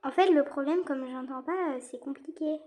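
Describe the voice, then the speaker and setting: High-voiced excitable young woman gamer. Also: normal speed. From France. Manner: excitable, repeats herself, laughs often; slangy teen talk. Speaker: gaming streamer. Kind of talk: casual gaming commentary.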